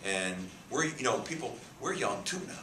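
His medium-pitched voice has a sing-song lilt and a moderate pace. As a head football coach in his fifties answering at a press conference, he's emphatic, repeats words, and gestures. A table mic cluster records him in a press room with a sponsor backdrop, echoey and faintly hissy.

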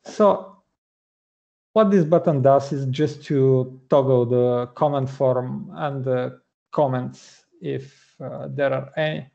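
Slow, gravelly man demoing code. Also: mid-range voice, dark tone, dull audio. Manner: methodical, explanatory, many "uh" pauses. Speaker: front-end developer presenting. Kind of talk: screen-share coding walkthrough.

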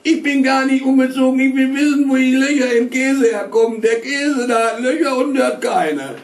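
A man's voice: extremely high pitch, normal speed, a little mellow, pitched above the performer's own voice. A man voicing a whiny, curious little boy who keeps pestering his parents with questions. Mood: shrill. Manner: whining, insistent questions. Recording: roomy stage sound from far.

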